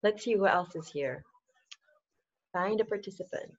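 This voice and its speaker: With a medium-pitched, slightly rough voice at a moderate pace, a woman in her forties from the Philippines hosts a casual online webinar and laughs often. She's at home in a dim room, using her laptop's webcam mic, so the call audio is a bit muffled.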